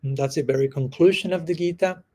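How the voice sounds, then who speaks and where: Guy giving a relaxed spiritual talk to a group, kinda high voice, laughs a lot, keeps saying "no?". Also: husky. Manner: gentle, unhurried storytelling with frequent chuckles and "no?" asides. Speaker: spiritual teacher. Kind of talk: informal dharma talk to a live group.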